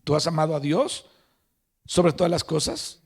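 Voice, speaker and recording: A stern angel asking measured, searching questions, as a male preacher plays him. The voice sits somewhat raised and firm, probing rather than gentle. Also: fairly high pitch, very animated, creaky, breathy edge, voice pushed up, heavily acted.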